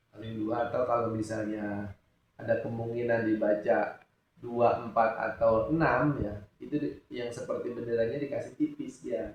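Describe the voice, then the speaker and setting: A man teaching Quran recitation in a relaxed religious lesson, often asking questions for his students to answer. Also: medium pitch, a little hiss or hum. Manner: asks students questions and lets them answer. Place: mosque study hall. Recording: echoey room, distant mic, dull sound.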